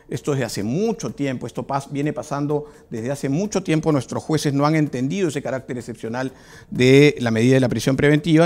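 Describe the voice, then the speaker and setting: A man, a lawyer, speaking in a panel discussion in a measured way with frequent hesitations and fillers. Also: on the high side. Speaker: lawyer and political candidate.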